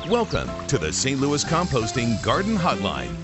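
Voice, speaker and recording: A man announcing a taped station ID that is played on air, with a smooth announcer delivery. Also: mid-range voice, huge pitch swings, normal speed. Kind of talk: recorded station ID over music. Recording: distant taped radio ID over loud music. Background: loud music bed.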